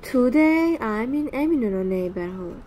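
Woman host, mellow higher voice, scripted walking-tour voice-over, faint hiss behind. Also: lively intonation, moderate pace, rough recording. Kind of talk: scripted travel narration.

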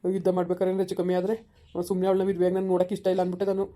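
Woman voicing a young village soldier son, soothing, rapid talk, mellow tone. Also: fairly low pitch, completely flat delivery, natural voice. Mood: consoling. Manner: soothing, consoling. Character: young male village soldier, earnest and gentle. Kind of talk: village family drama acting.

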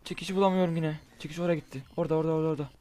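A young man doing casual, excitable gameplay commentary, chatting straight to his viewers. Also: on the high side, racing. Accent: Turkish. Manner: chatty, excitable, talks to viewers as "guys" and "bro". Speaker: gaming YouTuber. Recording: faint game music behind.

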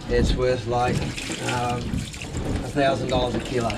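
A man's voice: medium pitch, little pitch movement, measured pace. A man working as a charter boat skipper, cheering and instructing guests in an upbeat, joking manner. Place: on a fishing boat at sea. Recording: loud wind and boat noise.

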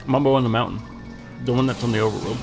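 A man co-hosting a casual let's play at a desk microphone, calmly explaining the game and swearing offhandedly. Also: medium pitch, rapid-fire, creaky. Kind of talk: casual gameplay commentary. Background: game music.

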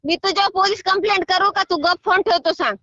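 A woman's voice: very high voice, fast, bright, forceful tone, no echo. A middle-aged woman on a phone call, scolding at first and then pleading and apologizing. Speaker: prank call target. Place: sitting in a field.

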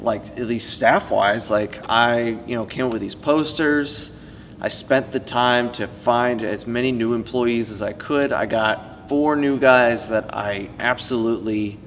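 Teen male, rambling casual storyteller, low-pitched, recorded in a reverberant hall. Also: a bit bright. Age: late teens. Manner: rambling, heavy use of "like" and "you know". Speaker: student stage tech interviewee. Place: empty school auditorium. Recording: reverberant auditorium, faint hum.

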